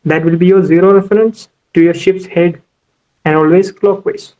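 A man's voice: high voice, fairly even intonation, normal speed, dark tone, dull audio. A man teaching ship navigation over a whiteboard screen recording, explaining step by step with many "you know"s. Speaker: maritime navigation instructor. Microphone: voice-over for a tablet screen recording.

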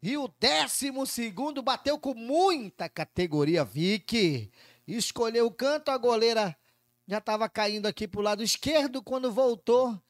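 A Brazilian man gives live play-by-play football commentary. His voice sits high for a man, and the sound is dry, with little room in it. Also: dry recording.

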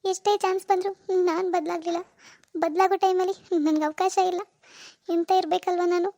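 A woman's voice: extremely high pitch, steady tone, fairly quick, warm tone. A woman voicing a heartbroken young wife in a cartoon, tearful and resigned. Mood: despairing. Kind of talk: animated cartoon dialogue.

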